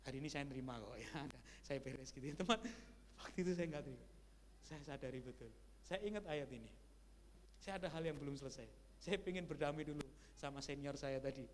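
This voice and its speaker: A male pastor preaching a sermon in a conversational style, with lively asides to the congregation. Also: mid-range voice, a little fast. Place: church sanctuary. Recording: church hall reverb with faint hum.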